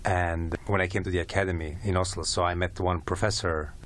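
A man from Bosnia, an accordionist and studio guest, telling a story in a plain, steady way. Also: low voice, a little fast. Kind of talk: interview answer.

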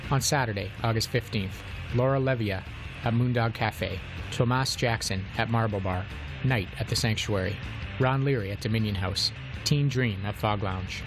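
A man reading out a concert listing as a radio announcer, in an even listing cadence. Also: on the low side, moderate pace, music in the background, rough recording.

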